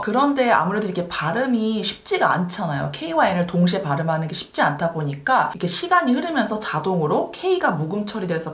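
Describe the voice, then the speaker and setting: Woman, lesson host, lively voice, slow careful English examples, echoey room. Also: medium pitch. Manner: pronounces English words slowly and deliberately. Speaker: English teaching YouTuber. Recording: roomy echo.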